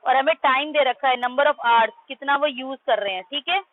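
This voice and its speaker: A woman's voice: high-pitched, normal speed. A woman teacher giving a math class in Hindi-English mix, firmly correcting her pupils' pronunciation and quizzing them. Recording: tinny phone-like line.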